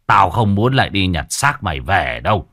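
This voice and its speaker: Guy putting on a cranky old rich dad, low gruff scolding, harsh. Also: sing-song, normal speed, sharp tone, no echo, studio quality, full character voice. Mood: furious. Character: old rich man, furious, bullying his son.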